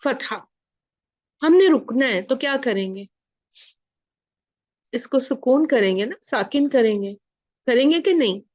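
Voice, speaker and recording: A woman's voice: high-pitched, lively intonation, unhurried, long pauses, darkish tone, dry recording. A woman teaching Quran recitation step by step, drilling each sound and asking questions she then answers herself. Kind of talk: slow step-by-step recitation lesson. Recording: dull lo-fi sound, dry close mic.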